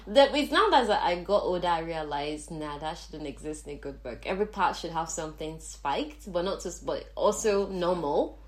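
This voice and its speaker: A woman's voice: fairly low pitch, animated, moderate pace, hardly any pauses. A woman with a Nigerian accent hosting a podcast in a casual, chatty way, thinking aloud as she goes. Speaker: podcast host. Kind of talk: casual chat.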